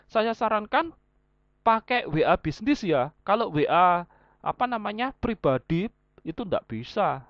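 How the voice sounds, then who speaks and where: A woman's voice: mid-range voice, no room sound, lo-fi sound. A woman teacher giving an online class lecture, going through points one by one with everyday examples. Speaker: vocational school teacher.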